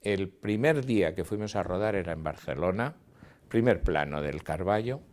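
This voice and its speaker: Older man with a very deep voice. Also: moderate pace. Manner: animated storyteller acting out dialogue and sounds. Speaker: cinematographer. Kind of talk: interview reminiscence.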